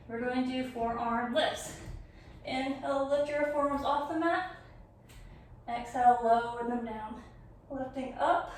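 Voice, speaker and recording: A woman's voice: a little high, a little mellow. A young woman teaching a vinyasa yoga class, encouraging and a little out of breath. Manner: encouraging cues, light laughs. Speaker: yoga instructor. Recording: echoey room, far from mic, faint noise.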